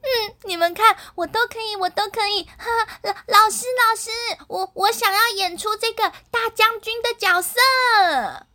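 A woman's voice: extremely high pitch, normal speed, few pauses, sharp tone, pitched above the performer's own voice. A woman voicing a spirited, confident schoolgirl who talks eagerly and insistently in a children's story. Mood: boastful.

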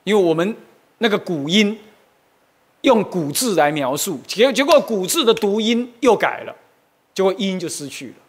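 Lively, high-voiced monk lecturing. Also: male voice, moderate pace, slightly rough. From Taiwan. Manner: animated, asks the audience questions, exclaims often. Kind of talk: Buddhist history lecture.

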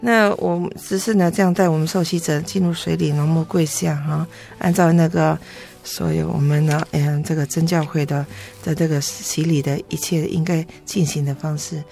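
A middle-aged woman earnestly telling her faith testimony as an interview guest, emotional and halting with frequent restarts. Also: sits low, steady tone, creaky, warm tone, soft background music.

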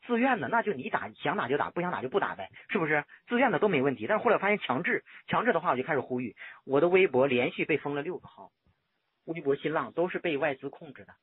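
A man's voice: on the high side, very animated, fast talker. A man on a landline phone call, talking insistently and lecturing the listener as he pleads for help. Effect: heard over a landline phone line. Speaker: caller seeking help. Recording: tinny phone line, husky.

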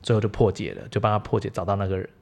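A man, hosting a podcast and telling lively stories from his massage practice. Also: lowish voice, very fast, creaky. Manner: lively anecdotal storyteller. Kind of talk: casual storytelling chat.

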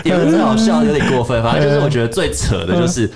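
Fast-talking man telling a story. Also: mid-range voice, loud music behind the voice. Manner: animated storytelling, laughs often, curses casually. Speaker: guest. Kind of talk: casual podcast chat. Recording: noisy podcast recording.

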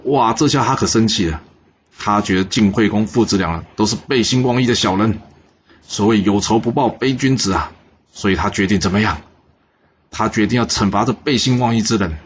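A man telling a historical story with lively, chatty asides to the listener. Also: fairly low pitch, fairly quick, highs cut off, slight background noise.

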